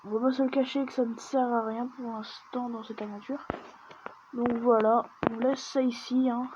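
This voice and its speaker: Moderately paced and somewhat high in pitch, a woman chats through casual let's-play commentary as a gaming video creator, muttering to herself and often dropping nearly to a whisper. Her dull, lo-fi mic carries a steady hum of background noise.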